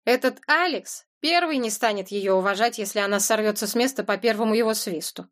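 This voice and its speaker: A woman narrating an audiobook in a lively, expressive storytelling manner. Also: mid-range voice, fairly quick. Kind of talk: scripted narration.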